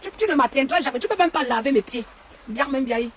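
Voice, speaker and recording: A woman's voice: high-pitched, animated, fast, slight background noise. A woman, ranting and hurling insults in a live stream from her home, repeating herself often. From Cameroon. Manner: insulting, repetitive, heated. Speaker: online commentator. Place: home and garden.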